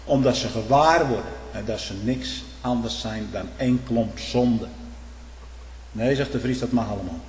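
A man preaching a fiery, denouncing sermon, swinging from quiet warnings to loud outbursts and repeating words for emphasis. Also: mid-range voice, normal speed, slight background noise. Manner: tag questions like "hè?". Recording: echoey hall with long reverb.

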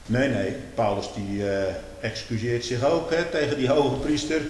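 A man giving a sermon, swinging between loud emphatic declaiming and low conversational asides. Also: lively intonation, normal speed, slight background noise. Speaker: preacher. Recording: reverberant hall.

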